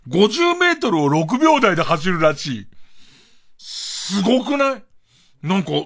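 A man's voice: high-pitched, very animated, a little slow, fairly bright tone. A man hosting late-night radio in a casual comic monologue, rambling with asides and exclamations.

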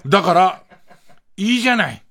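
A man's voice: sits high, lively intonation, moderate pace, vocal fry, sharp tone. A middle-aged man hosting a late-night radio show, rambling through a monologue and laughing between remarks, close on a studio mic.

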